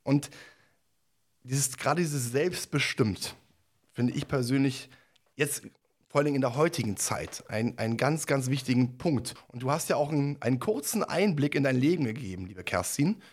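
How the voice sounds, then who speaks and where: A man's voice: medium pitch, expressive, moderate pace, slightly rough. A man hosting an interview, speaking in a friendly way that rambles a little and often repeats words. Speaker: podcast host, interviewer. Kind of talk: conversational interview.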